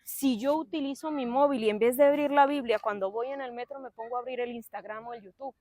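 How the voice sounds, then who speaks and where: Lively woman preaching a sermon. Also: fairly high pitch, fast talker, no room sound. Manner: lively, chatty, playful asides, acts out voices of listeners. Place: church service.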